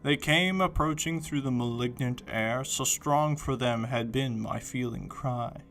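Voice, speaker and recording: A man gives a dramatic, declamatory poetry recitation like a stage actor, solemn and deliberate in his phrasing. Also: mid-range voice, fairly bright tone. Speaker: poetry reader. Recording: reverberant hall sound under music.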